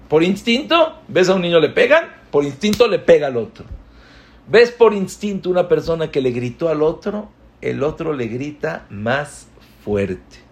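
Male Torah teacher at mid pitch, unhurried and emphatic, with repetition for stress and Hebrew terms mixed into his talk. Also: a little mellow. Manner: emphatic, repeats words for stress. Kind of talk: religious talk to a live audience.

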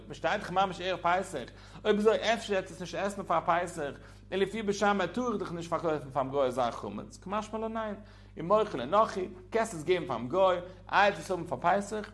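A man giving a religious law lesson in a sing-song, swooping teaching cadence. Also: high voice.

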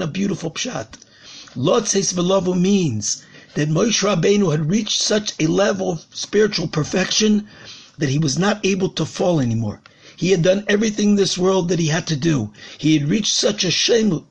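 A man with a hoarse, worn-out voice giving a short religious teaching, emphatic and repeating phrases, mixing Hebrew terms into English. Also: a little high. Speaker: rabbi, podcast host.

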